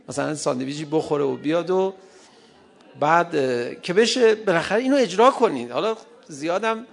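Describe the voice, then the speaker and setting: A middle-aged man speaks to an audience in a lively, humorous lecture. His voice sits somewhat high for a man and has a gravelly texture. He laughs often and slips into short acted-out exchanges. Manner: humorous, acts out little dialogues, laughs often. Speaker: speaker addressing an audience on parenting.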